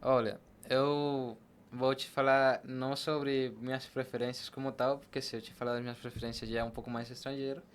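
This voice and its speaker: Talking as an interview guest, this Venezuelan barber explains things in Spanish with examples, keeping it casual. He has a medium-pitched, flat delivery and speaks a little fast, with clear background noise and ambience around him.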